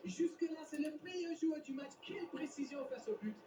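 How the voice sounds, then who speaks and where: An opinionated football co-commentator in a video game. His pitch moves in lively swings as he assesses play. The sound comes from across an echoey, noisy room. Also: normal speed, distant mic. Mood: approving. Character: opinionated male football pundit beside main commentator. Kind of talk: sports commentary analysis.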